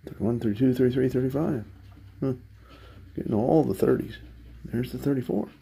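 Husky gravelly guy scratching lottery tickets, grumbling sarcastic asides to himself. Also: medium pitch, normal speed, dark tone. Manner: wry, sarcastic muttering to himself. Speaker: channel host. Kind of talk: casual running commentary while scratching lottery tickets.

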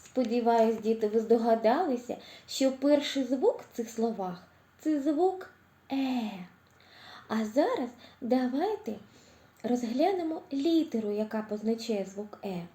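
A woman speech therapist with a Ukrainian accent giving a slow, clear lesson for small children, cheerful and encouraging, pronouncing each sound with care. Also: on the high side, expressive, echoey room. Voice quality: articulates sounds with care, drawn-out vowels. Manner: drops to a whisper to show quiet sounds. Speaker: speech therapist teaching preschoolers.

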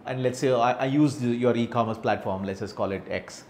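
A man's voice: mid-range voice, a little fast, a little mellow. Male interview host, curious and affirming, roomy echo, faint hiss. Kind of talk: interview questions.

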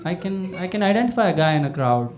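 A young man, talking into a handheld mic on a small comedy club stage. His delivery is conversational and very animated, and he slips into the voices of the people he quotes. Loud audience laughter sits in the background of this live club recording. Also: sits high, quick pace, heavy background noise. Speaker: stand-up comedian. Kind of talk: stand-up comedy set.

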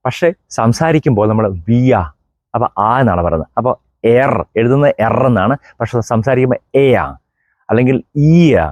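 A middle-aged priest from Kerala giving a German pronunciation lesson, spelling out contrasting sounds and repeating examples slowly. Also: male voice, medium pitch, darkish tone, dry recording. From Kerala, India. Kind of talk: explanatory language lesson.

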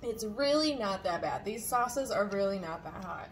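A woman's voice: mid-range voice, animated, moderate pace. A woman in her thirties chatting casually during a food challenge, recorded on a phone in a home kitchen. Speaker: parent joining a hot sauce challenge. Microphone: phone propped on the counter. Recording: very noisy home video, clicks.

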